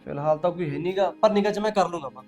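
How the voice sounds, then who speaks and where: A man's voice: high-pitched, darkish tone, muffled recording. A young man playing a bossy elder brother who argues insistently and flares with anger, with faint music behind. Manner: insistent, argumentative, quick to anger. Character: bossy, hot-tempered village elder brother.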